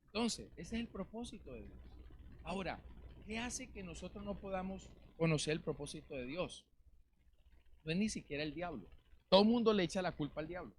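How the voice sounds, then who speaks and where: A man preaching a lively sermon as pastor in a church, calling out questions to the congregation. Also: high-pitched, a little hiss or hum. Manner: calls out to the congregation, rhetorical questions. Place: church in Valencia, Spain. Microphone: live-streamed service mic.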